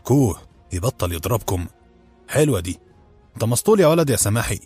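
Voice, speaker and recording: A man voicing a rough, quick-tempered middle-aged head chef, speaking fast and scornfully with an Egyptian accent. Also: lowish voice, sing-song, warm tone, faint music behind. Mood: mocking. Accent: Egyptian Arabic.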